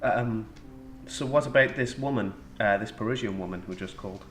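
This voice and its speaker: A man's voice: on the low side, moderate pace, fairly bright tone. Man hosting improv comedy radio. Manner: playful, incredulous questioning. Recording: roomy echo, faint background noise.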